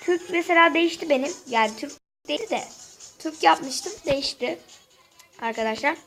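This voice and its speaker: Woman with a very high voice, sore throat, chatty gameplay walkthrough, keeps calling viewers friends, faint game music behind. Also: expressive, normal speed, a bit bright, low-quality recording. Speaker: gaming channel host.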